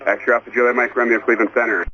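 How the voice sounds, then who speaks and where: This controller is a man with a medium-pitched voice whose flat delivery races along. Through muffled, lightly noisy radio, he relays procedural instructions and repeats callsigns.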